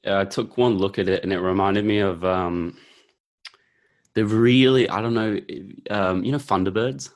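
A man's voice: fairly low pitch, steady tone, moderate pace. A young man chatting casually about films, rambling with lots of filler words. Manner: rambling, laid-back, heavy use of filler words.

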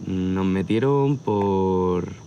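Drawing out his words in a low-pitched voice, a tattoo artist around thirty from near Barcelona, Spain, rambles a little and hesitates in a relaxed, casual outdoor interview. The setting is a hilltop viewpoint at sunset, with crickets, outdoor ambience and a little hiss or hum.

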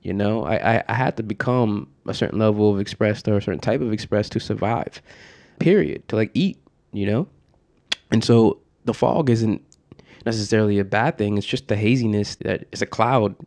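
A young man from Connecticut talking candidly as a podcast guest, laughing often and getting animated when he quotes people. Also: on the low side, moderate pace, creaky. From Connecticut, USA. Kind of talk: casual reflective conversation.

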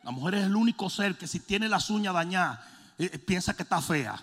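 A high, gravelly-voiced man preaches a lively sermon. He swings between shouting and playful mimicry, and his voice rings through a long hall reverb. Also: a little fast.

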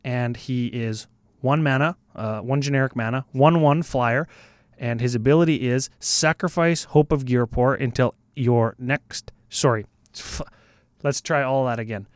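A man's voice: medium pitch, fairly even intonation, measured pace, dry recording, studio quality. A man co-hosting a podcast in casual chat from a small broom closet, laid-back and joking, sometimes losing his train of thought. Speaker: podcast co-host. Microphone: good studio mic.

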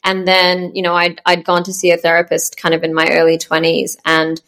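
A woman, a startup founder chatting in an interview, full of ums and soft laughs. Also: on the low side, monotone, brisk. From Australia. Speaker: startup founder, podcast guest. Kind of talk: casual interview chat.

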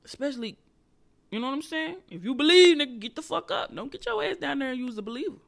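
A woman comedian hosting her podcast alone, ranting in loud, profane, animated bursts that sometimes drop to a whisper. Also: high-pitched, fast talker, creaky. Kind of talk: solo comedic rant.

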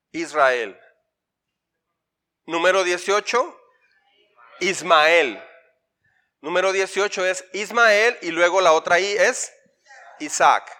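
Bright-voiced pastor drilling his congregation. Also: high voice. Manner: playful, drills the audience with repeated lists and questions. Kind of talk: interactive Bible workshop with the congregation. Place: church before a congregation.

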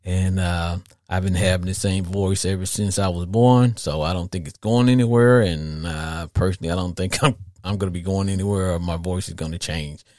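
This is a low, steady, slightly mellow voice belonging to a middle-aged man with a Southern US accent who hosts a casual sports podcast. He moves at a moderate pace with few pauses, rambling folksily and repeating phrases for emphasis. The sound is clean studio audio with no echo.

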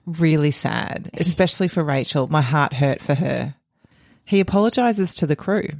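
A woman's voice: sits low, expressive, normal speed, vocal fry, a little mellow, no echo, clean studio sound. A woman co-hosting a casual podcast, laughing easily and chatting along. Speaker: podcast co-host.

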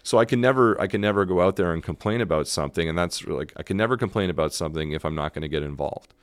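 A middle-aged man from Canada with a very low voice talks as a podcast guest. He is earnest and emphatic and often doubles back on his words. The sound is dry and close, with no room echo. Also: rapid-fire. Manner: earnest, emphatic, repeats words while thinking. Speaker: guest restaurant owner. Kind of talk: casual podcast interview.

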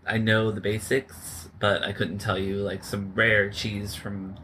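A man's voice: fairly low pitch, little pitch movement, measured pace, bright, forceful tone, a little hiss or hum. A man chatting casually as a podcast guest, laid-back and giggly, often trailing off mid-sentence.

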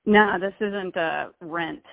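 A woman's voice: fairly low pitch, slow pace, creaky, no room sound. Woman calling in over a breaking-up phone line. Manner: wry, deadpan humor. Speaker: podcast co-host calling in from abroad. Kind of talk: casual chat. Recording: tinny, dry phone call with dropouts.

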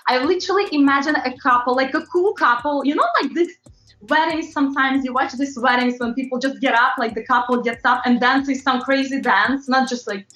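A woman's voice: high voice, a little fast, a bit bright, low-quality recording. A young woman singer-songwriter from Latvia with a Latvian accent, chatting in an interview, gushing and trailing off with fillers. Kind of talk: casual interview chat.

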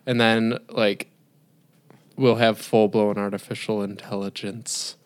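A man's voice: lowish voice, little pitch movement, slow pace. Joking young man co-hosting a chat. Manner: joking, asks questions and bounces between ideas. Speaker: podcast co-host. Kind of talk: casual chat. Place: home, remote recording.

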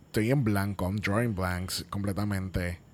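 A man's voice: low-pitched, steady tone, measured pace, a little mellow, dry recording. A man with a Puerto Rican accent co-hosting a casual podcast, mixing Spanish and English and laughing often. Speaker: podcast co-host.

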